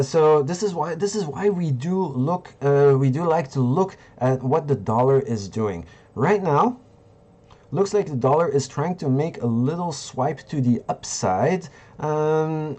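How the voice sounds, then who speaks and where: Man from Belgium, hosting a live market stream; slow, mellow delivery, halting and full of fillers. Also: medium pitch. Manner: rambling, halting, many fillers and restarts. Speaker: livestream host. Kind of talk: live market analysis and chat.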